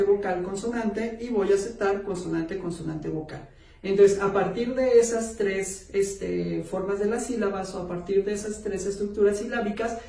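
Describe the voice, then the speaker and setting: A course instructor walks through a lesson step by step, filling pauses with many small filler words and restarting words partway through. The voice is dark and mellow. It sits back from the mic in a roomy, echoing space. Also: mid-range voice, creaky. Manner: frequent "este" and "entonces" fillers, restarts words mid-sentence. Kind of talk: online video lesson, step-by-step explanation. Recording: roomy echo, voice distant from the mic.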